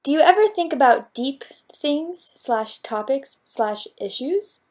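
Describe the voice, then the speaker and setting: A woman's voice: high-pitched, big pitch swings, slow pace, a little mellow. A woman vlogger answering viewer questions at home, in a playful, rambling, jokey casual chat. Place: at home, talking to her cat.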